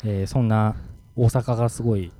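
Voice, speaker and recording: A man co-hosting a podcast, telling a story in relaxed, enthusiastic casual chat. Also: lowish voice, moderate pace. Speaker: podcast co-host.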